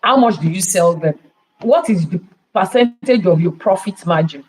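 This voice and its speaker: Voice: mid-range voice, lively intonation, moderate pace, slight background noise, poor audio. A podcast host with a Nigerian accent giving business advice, emphatic and full of rhetorical questions. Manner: emphatic, repeats key words.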